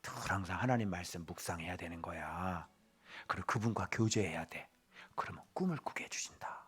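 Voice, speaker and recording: A man voicing an old grandfather Joseph who quietly teaches his grandsons in a confiding half-whisper. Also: low voice, lively intonation, a little fast, breathy edge, pitched below the performer's own voice, full character voice. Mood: hushed confiding.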